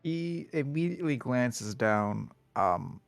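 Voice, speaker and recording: A man playing a tabletop game, improvising character description in halting, deliberate phrases. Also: medium pitch, expressive, gravelly, no room sound, faint music behind. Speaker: player.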